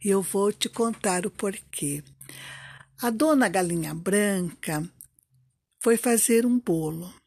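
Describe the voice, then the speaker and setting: Female storyteller, slow and expressive, breathy tone. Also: mid-range voice, dry recording, studio quality. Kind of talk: children's storytelling.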